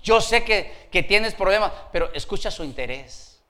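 A male pastor preaches a sermon with a bright, fairly high voice. He works the congregation with call-outs and keeps a playful, laughing tone. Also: normal speed. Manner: lively, calls out to the congregation for responses.

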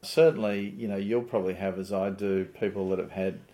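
An Australian man from Newcastle hosting a conversational podcast interview, friendly and a little halting, often repeating words. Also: sits low, fairly even intonation, dark tone. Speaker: podcast host, politician.

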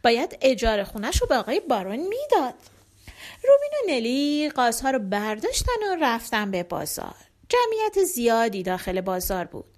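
A woman narrating a folk tale for children, expressive and animated. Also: on the high side. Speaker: storyteller. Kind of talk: storybook narration.

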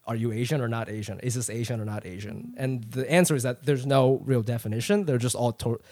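This Japan-born comedian, raised in Ohio from age eight with an American accent, guests on a casual podcast and tells candid, profane, meandering stories. He talks fast in a medium-pitched, darkish voice.

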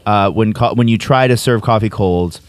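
A man in his twenties hosting a casual coffee podcast interview, friendly and quick to laugh, with lots of "like" and "you know". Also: fairly low pitch, clean tone, no room sound. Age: 20s. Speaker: podcast host.

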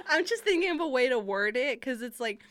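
A woman's voice: high-pitched, very animated, normal speed, a bit bright, no echo. A young woman co-hosting a casual podcast chat, rambling and laughing, swearing often. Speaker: podcast co-host.

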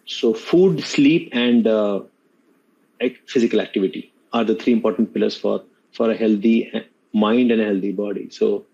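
A man's voice: on the low side, moderate pace, creaky, warm tone, dull audio. A middle-aged man with an Indian accent giving earnest, unscripted advice as an interview guest, often repeating words for emphasis. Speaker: podcast guest, mentor to students.

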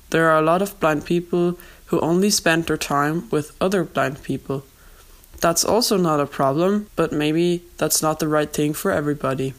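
Young woman podcasting, low-quality recording. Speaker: podcast host. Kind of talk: informal educational podcast monologue. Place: home, during a move. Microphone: makeshift non-studio microphone.

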